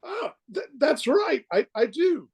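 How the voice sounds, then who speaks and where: A man's voice: very high-pitched, sing-song, a little slow, lo-fi sound, heavily acted. A man playing an earnest, flustered, kindly Scarecrow in an amateur radio play, with a hesitant, stammering delivery. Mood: awed.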